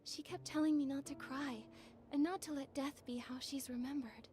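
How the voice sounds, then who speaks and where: An actress playing a gentle, earnest young heroine in a video game, speaking softly and thoughtfully. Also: female voice, high-pitched, fairly even intonation, moderate pace, close to an everyday voice. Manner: soft, thoughtful. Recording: music under the voice.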